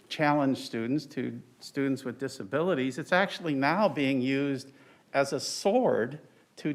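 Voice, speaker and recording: An older man, an attorney, giving a halting, deliberate oral argument in court. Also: mid-range voice. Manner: halting, deliberate, with stretched pauses. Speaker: attorney arguing on appeal. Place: large courtroom. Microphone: lectern microphone, speaking through a face mask.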